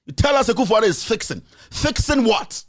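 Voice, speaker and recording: A man's voice: extremely high pitch, lively intonation, fairly quick. A Ghanaian man hosting a show, delivering a heated, accusatory commentary full of repeated rhetorical questions. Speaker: host.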